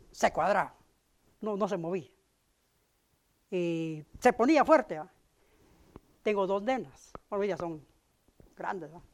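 A middle-aged man preaching from the pulpit in an easy, conversational way. He keeps checking in with his listeners through short tag questions as he speaks. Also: high voice. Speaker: pastor. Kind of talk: sermon.

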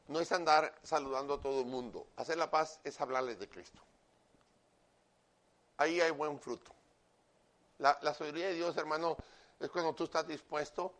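A man preaching a sermon loudly and emphatically, with joking asides and frequent direct address to his listener. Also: on the high side. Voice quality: loud, emphatic delivery.

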